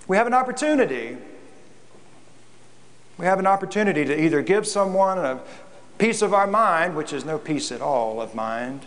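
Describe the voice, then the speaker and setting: A man's voice: fairly high pitch, a bit bright. Reflective man preaching a sermon. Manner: reflective, with frequent repeated words. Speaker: pastor. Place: church.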